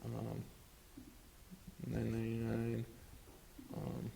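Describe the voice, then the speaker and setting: A man's voice: mid-range voice, completely flat delivery, drawn-out words, creaky, warm tone, slight background noise. A man hosting a casual screen-share marketing tutorial, rambling with lots of fillers and tag questions. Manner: rambling, filler-heavy, keeps saying obviously and right.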